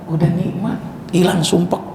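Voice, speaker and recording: A man giving a casual, joking sermon, slowly reciting Arabic phrases between chatty asides. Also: high-pitched, level tone. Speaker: preacher. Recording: echoey hall with faint ambient noise.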